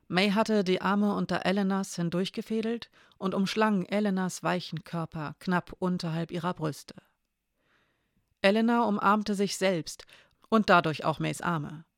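A narrator reading a story aloud in a calm, measured way. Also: mid-range voice, creaky, no room sound, clean studio sound. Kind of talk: audiobook reading of an intimate story.

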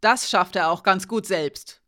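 A woman voicing a young female soldier held captive, speaking in a sharp, accusing, bitter way. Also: medium pitch, measured pace. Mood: angry.

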